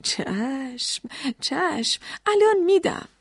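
In a children's storybook, a female baker calls out in a bright, high voice and insists on hearing the words louder, as a woman storyteller puts her on. The sound is dry and up close. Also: big pitch swings, no room sound. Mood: kindly. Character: baker woman who pretends not to hear.

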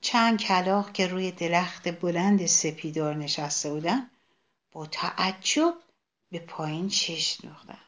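A woman telling a story to children, addressing them directly in a warm, storybook manner. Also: on the low side.

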